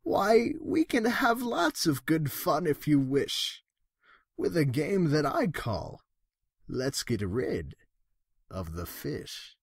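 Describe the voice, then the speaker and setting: A man's voice: fairly high pitch, very animated, slow pace, no echo, studio quality, full character voice. A man voicing a sly, sinister trickster cat in a storybook, falsely reassuring, with theatrical rhyming talk. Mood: coaxing, playful. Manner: smooth-talking, theatrical, rhyming.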